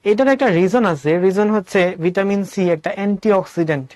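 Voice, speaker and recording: A man's voice: sits high, animated, quick pace, a little mellow, dry recording, studio quality. A male teacher giving an online class, explaining step by step, asking questions and answering them himself, with English words mixed into his speech. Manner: mixes English words into Bangla.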